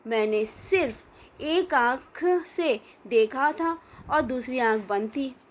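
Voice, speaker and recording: A woman voicing a naive, cheeky village boy who gives earnest, deadpan answers in a comic storybook tale. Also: high voice, slow, a little hiss or hum.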